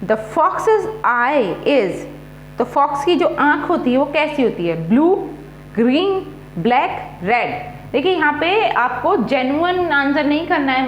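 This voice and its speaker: A woman's voice: high-pitched, echoey room, slight background noise. A woman teacher running an exam-prep quiz, mixing Hindi and English as she reads each question, repeats the options and then gives the answer.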